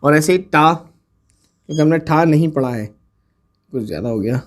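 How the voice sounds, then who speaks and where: Patient man teaching the Urdu script. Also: on the high side. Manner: patient, repeats each word slowly while writing. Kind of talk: online script lesson, explaining step by step.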